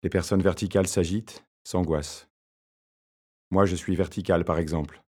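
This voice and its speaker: This is a wry, ironic academic husband in an audiobook, read by a man. His voice is very deep and stays flat and even. He narrates in a measured, dry way. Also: breathy edge.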